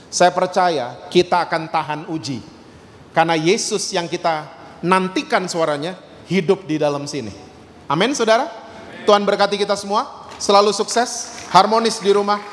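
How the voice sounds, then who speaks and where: A middle-aged man preaching a sermon as a pastor, telling stories with animated acted-out quotes and mixing in English words. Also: high voice, long reverb tail, slight background noise. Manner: animated storytelling, acting out quotes.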